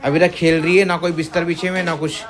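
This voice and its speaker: A man's voice: a little high, little pitch movement, quick pace. A man filming a casual home vlog on a phone, chatting and playfully teasing his young daughter. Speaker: family vlogger and father.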